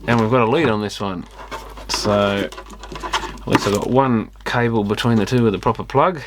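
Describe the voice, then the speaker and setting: In an electronics repair workshop, a vlogger checks over equipment and talks casually, half to himself, with mild grumbling. His voice sits on the low side and moves at a moderate pace. The clicky external camera mic picks up clear noise.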